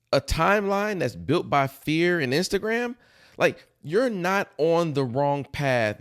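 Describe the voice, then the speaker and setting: A middle-aged man giving an emphatic motivational talk, repeating key phrases for effect. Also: mid-range voice. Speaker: motivational speaker.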